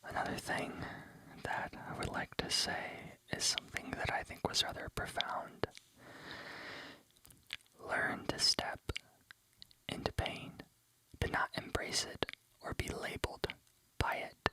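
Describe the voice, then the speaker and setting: An ASMR host whispers encouragement in a breathy, unvoiced voice, repeating motivational phrases over and over. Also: measured pace, pauses often, rough recording.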